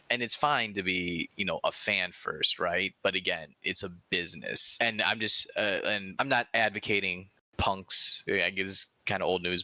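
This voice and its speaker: A man's voice: pushed and bright, dry recording. A man hosting a podcast, talking in a casual, rambling and emphatic way. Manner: emphatic, rambling, rises in pitch when heated. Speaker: podcast host.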